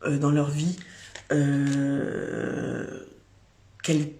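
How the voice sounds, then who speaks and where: A woman's voice: sits low, steady tone, drawn-out words, vocal fry, warm tone, slight background noise. A woman who has children, reading tarot cards on a live stream in a chatty, casual way, with many fillers and restarts. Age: adult with children. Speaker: tarot card reader.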